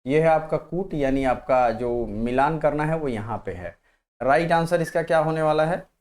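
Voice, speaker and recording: A man's voice: fairly high pitch, moderate pace, a little mellow. A man teaching a live online exam-prep class, firing questions at viewers, answering them and reading their comments.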